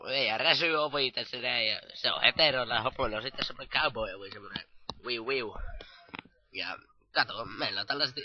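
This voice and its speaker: A man in improvised amateur comedy, rowdy and mocking, who often shouts crude insults. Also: medium pitch, muffled recording, slight background noise.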